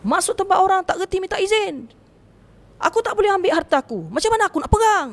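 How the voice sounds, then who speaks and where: A woman's voice: very high voice, expressive, fast, pitched above the performer's own voice. A woman putting on a furious, boastful jinn king. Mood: indignant. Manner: boastful, threatening, commanding.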